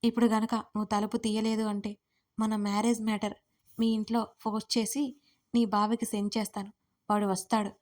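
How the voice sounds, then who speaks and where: A possessive young man in an audio story, low and commanding, his threats kept quiet and sharp, as a woman narrator puts him on. His pitch barely moves, flat and cold. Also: a little fast, close to an everyday voice.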